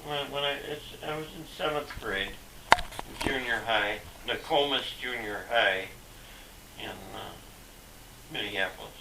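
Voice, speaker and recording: An older man, a father, reminiscing haltingly with many fillers and restarts, on an old VHS home video recording. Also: mid-range voice, vocal fry. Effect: old VHS home video sound. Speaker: father being interviewed. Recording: echoey, distant, hissy VHS tape.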